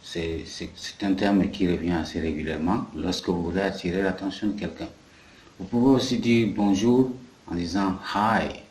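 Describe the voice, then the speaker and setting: A man's voice: low-pitched, moderate pace, darkish tone, echoey room. A man from Africa giving a patient English lesson, explaining in French and English and repeating key phrases. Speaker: English teacher. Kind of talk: bilingual language lesson.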